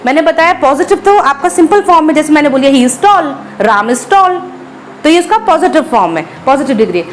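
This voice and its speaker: A woman's voice: sits high, lively intonation, slight background noise, low-quality recording. Woman teaching grammar to students. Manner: mixes Hindi and English, repeats words slowly, checks with "dear students". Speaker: English teacher. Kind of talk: classroom grammar lesson.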